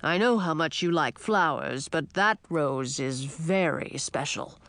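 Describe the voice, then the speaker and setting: A woman voicing an ancient male dragon king, huge, proud and absent-minded, with a slow, self-assured way of speaking. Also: low voice, animated, fairly bright tone, no echo, full character voice. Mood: pleased.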